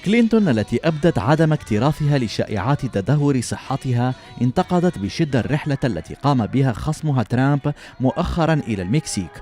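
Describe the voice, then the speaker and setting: A man's voice: medium pitch, sing-song, quick pace, mellow, soft background music. A man reading a scripted television news report as its narrator.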